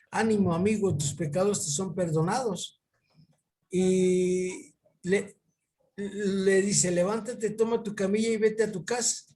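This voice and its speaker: Halting high-voiced man teaching Bible. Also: darkish tone. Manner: halting, repeats words while thinking; addresses his listener by name often. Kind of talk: informal one-on-one Bible lesson. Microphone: video call.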